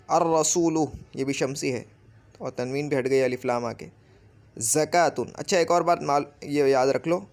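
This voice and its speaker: A man with an Urdu accent teaching Arabic grammar in a patient lesson, slowly repeating each word for the learner. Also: fairly high pitch. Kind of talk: explanatory lesson.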